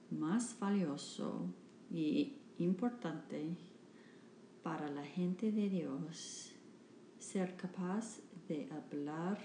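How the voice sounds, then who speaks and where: In an echoey room with faint background noise, a podcast host and interpreter reads a Spanish interpretation of a church talk. Her warm, low voice comes out very slowly, hesitant and halting, with restarts.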